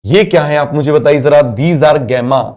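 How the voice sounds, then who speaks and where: A man's voice: fairly high pitch, unhurried, a little mellow. A male teacher giving a biology class, asking constant questions, having students repeat answers, and mixing English terms into Hindi.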